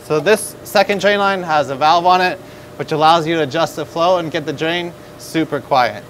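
A man's voice: on the high side, moderate pace, fairly bright tone, a little hiss or hum. American male host, thirties, store tutorial, instructive and upbeat, lapel mic in a showroom. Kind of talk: product demonstration tutorial.

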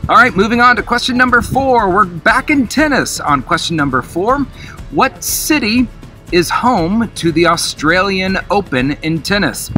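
A man's voice: sits high, lively intonation, measured pace, bright, forceful tone, faint music behind. An upbeat middle-aged man, a cruise director, casually hosting a quiz to camera outdoors. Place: outdoors in an open park.

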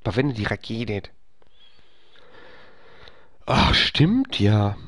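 A man's voice: on the low side, big pitch swings, very slow, fairly bright tone. A man streaming a horror game, talking to himself in panicky bursts and repeating phrases. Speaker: let's play streamer. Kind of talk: live gameplay commentary.

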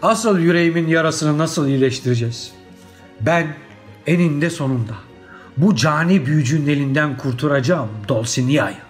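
A man voicing an old, deluded would-be knight in a storybook reading, bombastic and given to shouting battle cries. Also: fairly high pitch, moderate pace, soft background music, natural voice. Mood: stubborn. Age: older.

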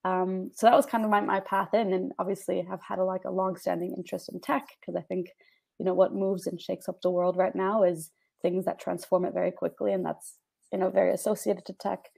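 A woman's voice: lowish voice, level tone, brisk, vocal fry, mellow, husky. A woman in her twenties, a guest on a video-call panel, talking chattily with many "like" and "um" fillers. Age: 20s. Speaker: panel guest, venture investor. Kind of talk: casual panel talk. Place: home room, indoors. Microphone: video call webcam.

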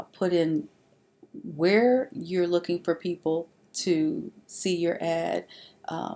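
Low-voiced woman narrating slides. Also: darkish tone. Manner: informal, with frequent fillers and restarts. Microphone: voice-over on slides.

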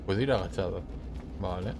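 Male gamer, lowish voice, casual let's play commentary over clear game noise. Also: fairly quick.

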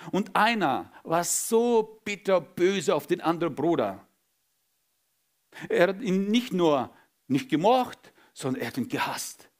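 A male pastor preaching a sermon dramatically, swinging between loud emphasis and hushed whispers. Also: fairly high pitch.

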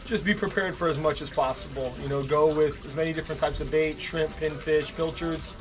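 A man who is a fishing captain gives tips in a matter-of-fact way. His delivery is quick and level. He sounds a bit high. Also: fairly even intonation. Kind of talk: casual advice.

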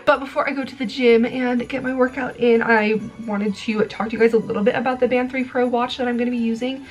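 A woman vlogger chatting casually and upbeat in her mom's craft room, full of "like" fillers and laughs. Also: on the high side. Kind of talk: casual vlog chat with a sponsored product segment.

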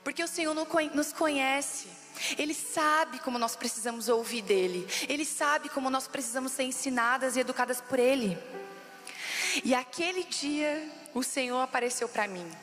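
High-voiced Brazilian woman preaching. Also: normal speed, a bit bright. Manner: emotional, repeats phrases for emphasis. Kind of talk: sermon testimony. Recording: long reverb with faint background music.

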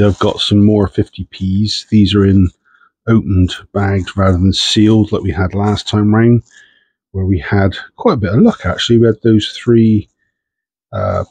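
With a fairly low, warm, slightly rough voice and no room sound, this coin-hunting channel host has a head cold. He sniffs while chatting casually and sorting coins for his channel, keeping things understated and self-deprecating.

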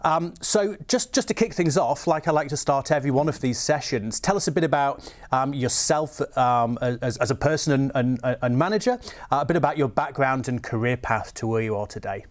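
Friendly middle-pitched male interview host. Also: animated, a little fast. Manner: friendly, hesitant, fillers and repeats. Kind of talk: interview hosting.

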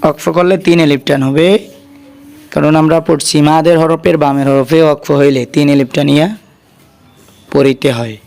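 A man's voice: a little high, steady tone, moderate pace, vocal fry, long pauses, a little mellow. A Bangladeshi man with a Bengali accent teaching Quran reading, spelling out syllables one by one and then chanting them together. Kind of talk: letter-by-letter Quran spelling lesson.

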